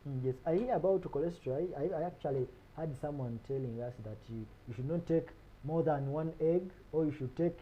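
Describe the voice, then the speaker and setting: A man's voice: on the high side, fairly quick, hardly any pauses, breathy edge, lo-fi sound. Affirming male TV host. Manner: frequent affirming murmurs, finishes the guest's sentences. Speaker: TV show host. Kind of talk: interview hosting. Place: TV studio.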